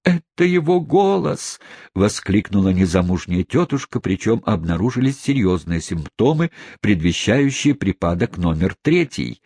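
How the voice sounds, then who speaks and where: Deep, husky male audiobook narrator. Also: lively intonation, moderate pace, darkish tone, no room sound, studio quality. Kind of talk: scripted narration.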